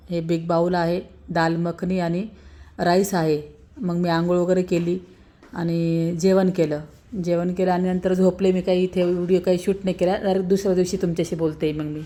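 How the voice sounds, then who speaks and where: A woman's voice: fairly low pitch, warm tone. Marathi woman telling a personal story. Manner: emotional, rambling storytelling with frequent fillers. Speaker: vlogger. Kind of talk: casual personal vlog. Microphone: phone.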